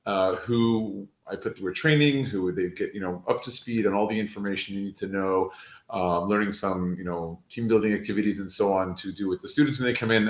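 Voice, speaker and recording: An American man with a lowish voice explains things in a relaxed, fluent way. His voice carries a noticeable room echo, as if he were on a video call from a bare room. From United States. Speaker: panel speaker, former student affairs officer. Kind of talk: webinar panel talk. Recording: roomy echo.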